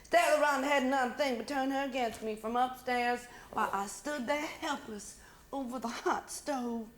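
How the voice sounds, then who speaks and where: A woman narrating a story aloud in an aggrieved, expressive manner. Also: sits high, moderate pace, slight background noise. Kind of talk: dramatic story reading. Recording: roomy echo.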